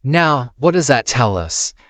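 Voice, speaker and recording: A man's voice: medium pitch, big pitch swings, a little slow, fairly bright tone, dry recording. A man voicing a stern male police officer in a horror story read aloud.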